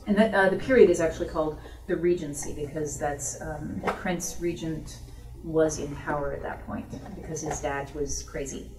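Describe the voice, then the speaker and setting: A deep-voiced woman speaks at a normal speed, answering audience questions as the author at a bookstore book event. She explains informally and conversationally, captured by a distant microphone with roomy echo.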